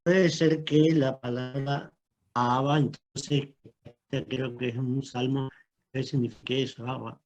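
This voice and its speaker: A man's voice: mid-range voice, fairly even intonation, slow pace, a little mellow. Hesitant male student, dull sound.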